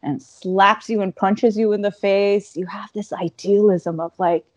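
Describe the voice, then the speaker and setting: A woman in her thirties, an interview guest, telling her career story in an animated way with quick asides. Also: mid-range voice, no echo, lo-fi sound.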